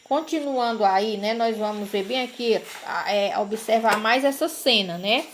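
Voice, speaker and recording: A woman's voice: fairly high pitch, a little slow, a little hiss or hum. A woman teacher, patiently explaining a lesson to children and often checking in with short tag questions. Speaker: primary school teacher. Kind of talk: recorded class lesson for children.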